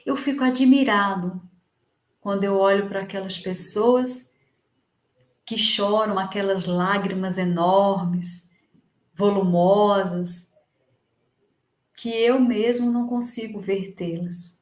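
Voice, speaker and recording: A woman giving a Spiritist lecture, slowly retelling a devotional story in the first person with emotion. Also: mid-range voice, steady tone, roomy sound.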